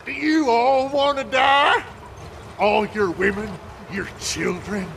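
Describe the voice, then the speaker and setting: A man voicing a ruthless bandit leader who shouts threats and curses at trapped defenders. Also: extremely high pitch, fairly even intonation, takes it slowly, vocal fry, slight background noise, voice pushed up, exaggerated voice. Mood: menacing. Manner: bullying, profane, menacing.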